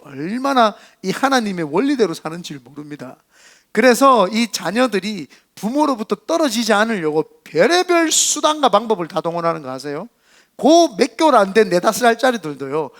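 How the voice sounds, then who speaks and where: A man delivering a Sunday sermon from a church sanctuary, his voice pitched high and swinging widely up and down. He talks to the congregation in a lively, conversational way and slips in playful asides. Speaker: senior pastor.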